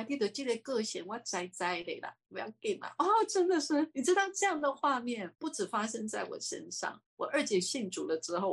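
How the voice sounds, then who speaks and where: A woman giving a personal faith testimony as an interview guest, swinging from excited high exclamations to hushed speech. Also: husky.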